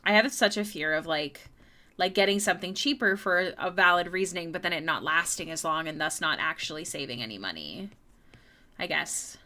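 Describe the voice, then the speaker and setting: A young woman streams her artwork and chats casually with viewers while drawing, often tripping over and repeating her words. Her lowish voice is animated, fairly quick, pushed and bright.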